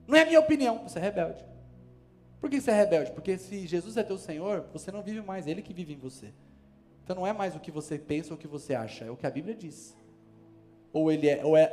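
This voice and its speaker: A man's voice: high-pitched, dark tone. A man with a Brazilian Portuguese accent preaching a sermon as a pastor, emphatic and building in force. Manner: emphatic, preaching with rising force and sudden calls. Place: church service.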